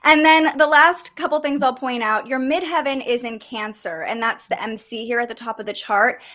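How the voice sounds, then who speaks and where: A woman with a slightly high voice walks a guest through her birth chart. She talks gently and explains as she goes, with soft fillers and light laughs. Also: moderate pace. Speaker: podcast host reading an astrology chart. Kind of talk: conversational astrology reading.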